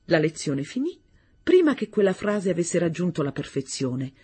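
A woman narrating a literary story in a measured, even way. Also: fairly low pitch, slightly rough.

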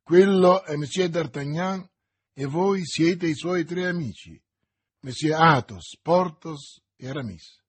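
A man's voice: a little high, slow, husky. A man reading a stern, cold English lord.

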